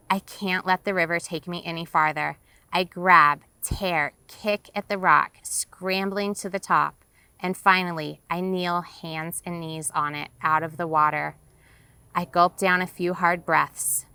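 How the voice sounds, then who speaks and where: A woman's voice: lowish voice, sharp tone, smooth, no room sound. A woman author reading her own novel aloud in tense, vivid first-person narration.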